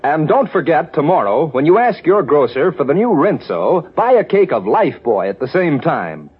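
Lively old radio announcer man. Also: a little high, moderate pace, faint music behind. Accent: American. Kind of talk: 1940s old radio announcer, scripted ad delivery. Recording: dull vintage radio broadcast.

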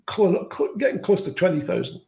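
A man's voice: high-pitched, big pitch swings, brisk, vocal fry, dark tone. A man, hosting an informal interview in a conversational style. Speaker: interview show host.

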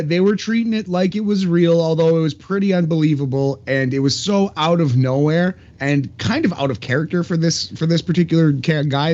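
A man's voice: fairly high pitch, a little mellow, muffled recording. A man co-hosting a casual wrestling podcast, talking in an easygoing, rambling way. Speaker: podcast co-host. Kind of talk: casual wrestling recap chat.

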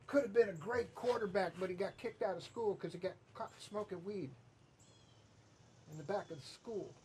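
In a church sanctuary, with slight background noise, a pastor from Chicago delivers his sermon at normal speed in a high, dark-toned voice. His Midwestern Chicago accent carries a chatty, teasing style as he quizzes the congregation.

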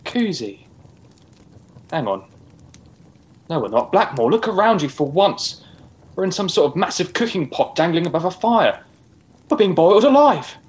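A man's voice: high-pitched, big pitch swings, normal speed, long pauses. A man playing a flustered, scolding adventurer. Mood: urgent. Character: exasperated, sensible male adventurer. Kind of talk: comedy audio drama.

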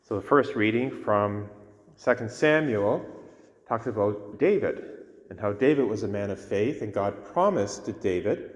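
A man speaking as a priest in a solemn, measured way, reading scripture and giving a homily in a church with a long cathedral echo. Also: fairly low pitch, a little mellow. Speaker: priest reading the Gospel and preaching. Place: large reverberant church interior.

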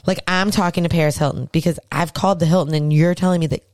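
Low-voiced woman telling a story. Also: quick pace. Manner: animated storyteller, acts out both sides of conversations. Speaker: podcast co-host. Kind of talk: casual chat.

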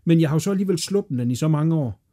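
Mellow man, swearing podcast co-host. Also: on the high side, lively intonation. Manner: loose, swearing, talks over his partner. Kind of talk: casual film review chat.

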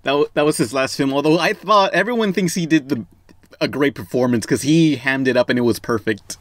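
A man's voice: mid-range voice, fairly quick. A man co-hosting a podcast, chatting casually and jokingly about movies. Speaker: podcast co-host. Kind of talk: casual comic movie chat.

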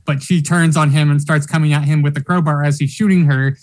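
A man's voice: fairly high pitch, fairly even intonation, fairly quick. A man co-hosting a casual film discussion, analyzing scenes in eager, thorough detail. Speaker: podcast co-host.

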